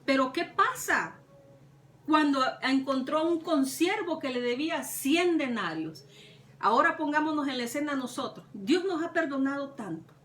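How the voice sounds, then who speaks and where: High-voiced woman preaching in an echoey room. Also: expressive, normal speed, a bit bright. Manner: retells scripture with many repetitions and rhetorical questions. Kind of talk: Bible teaching. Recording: echoey room, mic at a distance, faint ambience.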